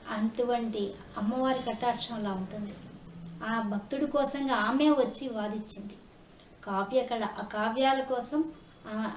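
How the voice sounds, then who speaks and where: A woman giving a devotional discourse, asking rhetorical questions and chanting verses slowly. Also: a little high, reverberant, slight background noise. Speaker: spiritual discourse speaker.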